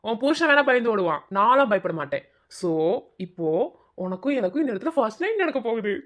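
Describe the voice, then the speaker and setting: A man's voice: very high-pitched, very animated, fast, fairly bright tone, full character voice. A man playing a cocky, teasing young kidnapper with a mocking manner in a comic melodrama. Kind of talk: melodramatic comic story dialogue.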